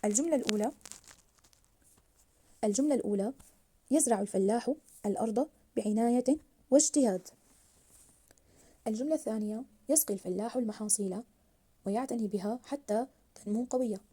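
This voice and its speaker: A woman teaching a grammar lesson to young children, slowly stretching out words as she models them and praising her pupils. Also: a little high, warm tone, breathy edge.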